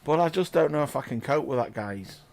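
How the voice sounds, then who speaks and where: An excitable man, doing chatty live commentary on a pool match and exclaiming loudly at big shots. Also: fairly high pitch, a little fast. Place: pool lounge.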